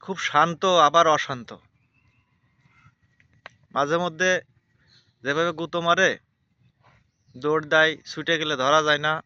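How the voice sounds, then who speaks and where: Chatty vlogger man, bright voice. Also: a little high, fairly even intonation, measured pace, long pauses, clear, resonant tone, no echo, dull audio. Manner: chatty, repetitive commentary. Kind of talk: casual vlog narration. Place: outdoors with a cow.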